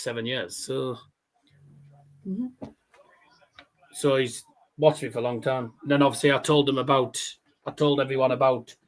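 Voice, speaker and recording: A man's voice: mid-range voice, a bit bright, low-quality recording. A man hosts a casual sports watchalong stream. He has a stutter and cannot pronounce his R's, which sound like W's. His talk is loose, rambling and sweary, slipping between chat and commentary. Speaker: livestream host.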